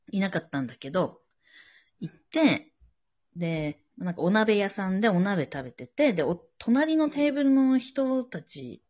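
A woman's voice: mid-range voice, darkish tone, dull audio. A woman from Japan co-hosting a podcast, chatting casually and rambling as she searches for words. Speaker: podcast co-host. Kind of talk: casual chat, telling a personal worry.

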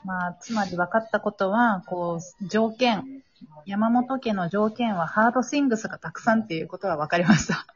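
A woman's voice: mid-range voice, normal speed. A woman hosting a podcast interview, asking questions and giving frequent short acknowledgments. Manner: attentive, frequent backchannel nods. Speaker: podcast host. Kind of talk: casual interview. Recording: dull lo-fi audio.

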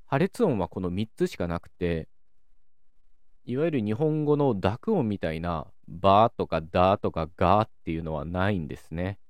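A man calmly hosting a solo educational talk, explaining the sounds and grammar of a language. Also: low-pitched, normal speed, no room sound, clean studio sound. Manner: calm, explanatory, lively intonation. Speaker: podcast host explaining linguistics.

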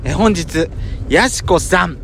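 A man's voice: high voice, animated, slow, gravelly, a bit bright. A man with a camp, teasing, auntie-like way of talking, hosting a casual podcast and reading out listener letters. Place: inside a car being driven. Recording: road noise inside moving car. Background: road and engine noise.

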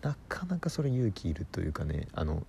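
A man, a comedian hosting his own radio show, telling a rambling story in a casual solo monologue, mixing fast patter with drawn-out words. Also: sits low, very animated, vocal fry, mellow, a little hiss or hum.

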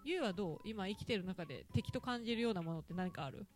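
Chatty Ehime-accented woman host, bright lively lilt, quick to laugh, faint music bed. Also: medium pitch. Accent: Ehime Japanese. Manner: laughs often, chatty and teasing. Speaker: podcast host talking with her daughter. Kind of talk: casual talk radio chat.

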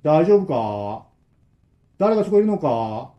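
A man voicing an old man behind a door who calls out slowly in an expressionless voice, then turns menacing. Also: fairly high pitch, big pitch swings, dull audio. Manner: expressionless, slow, repetitive calling.

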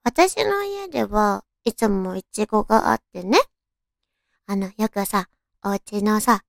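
Woman, cute anime-like voice, girlish chatty delivery, touch of creak, close dry sound, casual radio talk. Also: medium pitch, dry recording. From Tochigi, Japan. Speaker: radio talk show host. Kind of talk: casual solo chat.

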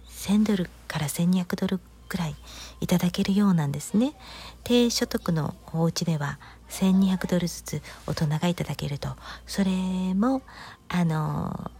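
A woman hosting her own casual radio-style chat in a Kanto-style Japanese accent, speaking softly with a half-whispered delivery and frequent hesitations. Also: fairly low pitch, husky. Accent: Kanto-style Japanese, switching from Kansai. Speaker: host of her own talk channel.

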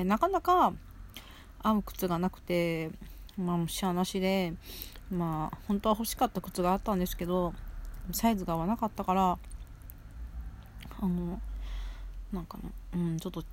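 A woman's voice: fairly low pitch, expressive, fairly quick, long pauses, a little hiss or hum. A woman hosting a solo show in casual, rambling chat, chewing as she talks with food in her mouth and often repeating phrases. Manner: chewing while talking, mouth often full. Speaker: solo audio show host. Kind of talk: casual chat while eating.

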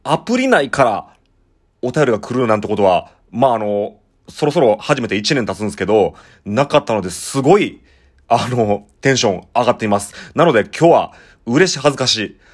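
A man's voice: medium pitch, sing-song, moderate pace, husky. A man in his thirties from Osaka with a western Osaka Kansai accent, a podcast host chatting casually and reading out listener letters in a rambling, explanatory way. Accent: western Osaka Kansai dialect. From Osaka, Japan. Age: 30s.

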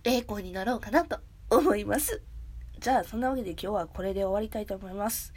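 A woman's voice: mid-range voice, quick pace, breathy edge. A woman with a Kansai accent hosting a solo casual radio talk, laughing often and joking at herself. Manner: laughs often, lively and self-mocking. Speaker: podcast host.

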